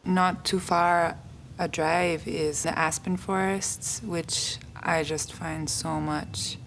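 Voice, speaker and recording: A woman speaks slowly and dreamily in an interview, pausing as she searches for words. Her voice is very low and gravelly. Faint outdoor ambience sits behind her. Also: flat delivery, fairly bright tone, slight background noise. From Austria. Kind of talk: testimonial interview.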